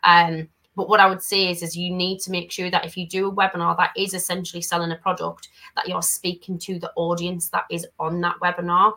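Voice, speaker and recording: A woman's voice: fairly low pitch, flat delivery, brisk, few pauses, sharp tone, low-quality recording. A woman on a panel discussion, giving practical advice in an emphatic, advisory way.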